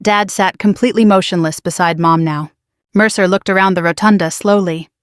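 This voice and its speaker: A woman narrating a first-person story in a measured, quietly dramatic manner. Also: lowish voice, fairly even intonation, no echo, clean studio sound.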